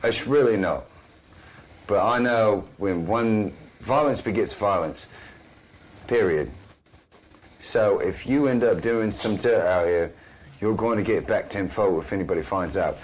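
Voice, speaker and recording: A man's voice: fairly low pitch, a little slow, close to an everyday voice. A man playing a worldly street rogue in a tabletop game, talking casually with "mate" and "lad". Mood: earnest.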